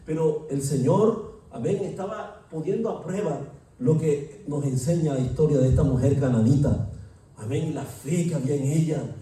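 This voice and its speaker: Echoey preacher, heard from afar. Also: male voice, a little high, normal speed, mellow. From Colombia. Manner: emphatic, with rhetorical questions to the congregation. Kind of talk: sermon. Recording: echoey hall, distant mic.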